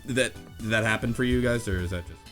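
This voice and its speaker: The podcast host's voice is lowish and fairly bright, and he talks fast. Music sits beneath him as he casually discusses a game's story, rambling and hesitating as he explains.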